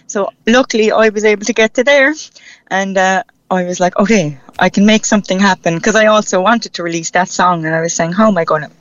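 A woman's voice: mid-range voice, a little fast, no room sound. A woman with a Cork accent, chatting in an upbeat, colloquial way as a musician interviewed on a radio phone-in. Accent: Cork Irish. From Cork, Ireland. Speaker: musician, street performer being interviewed. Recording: dull, band-limited phone call.

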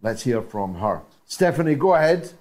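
An older man from Britain hosting a call-in show, speaking deliberately and emphatically with many pauses. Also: medium pitch, very animated, a little mellow. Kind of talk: radio phone-in talk.

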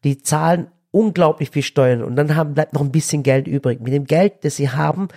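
A man's voice: on the high side, brisk, mellow. A man in his thirties, a father co-hosting a podcast, speaking earnestly with frequent restarts and fillers. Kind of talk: casual chat.

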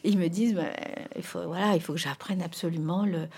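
A middle-aged native Spanish speaker answers interview questions as an expert guest, speaking emphatically with her pitch jumping up on key points. Her tone is steady and brisk, a little mellow, with a breathy edge.

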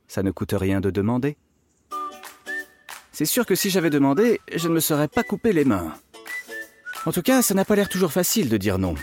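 In the voice of an inventor teacher talking to his class, a man tells a children's fairy tale with playful expression and bouncy swings of pitch. Faint, soft music runs under the story.

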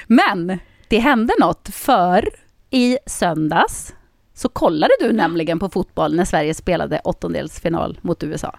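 A woman hosting a podcast in casual chat, lively and enthusiastic. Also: lowish voice, creaky, dry recording, studio quality. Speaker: podcast host and sports commentator.

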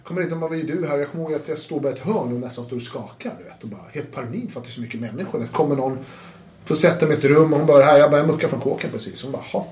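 A man guest telling his own story in a casual, animated way, swearing now and then and acting out what others said. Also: fairly high pitch. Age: adult with children. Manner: animated, swears, acts out quotes, laughs often. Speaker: interview guest. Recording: roomy room with faint noise.

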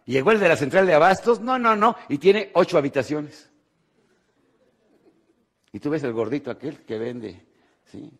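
A Mexican man giving a live motivational talk to an audience, joking and asking rhetorical questions, his voice jumping from loud bursts to quiet asides. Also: fairly high pitch. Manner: jokey, rhetorical, checks in with "¿sí?". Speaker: motivational speaker. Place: conference hall with live audience.

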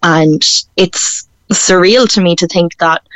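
A woman's voice: fairly low pitch, slow, no room sound, poor audio. A woman with a west of Ireland accent talking candidly in an interview, hesitant and informal. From Galway, west of Ireland. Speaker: interview guest, performer.

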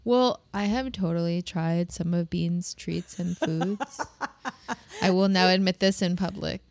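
A woman's voice: on the low side, a little slow, darkish tone. A woman co-hosting a podcast in casual chat, chatty and self-deprecating, laughing often. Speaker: podcast co-host.

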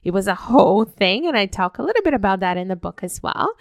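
Brazil-born woman author, smooth and chatty. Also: medium pitch, sing-song, fast, dry recording, clean studio sound. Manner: warm, laughs often. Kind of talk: casual talk.

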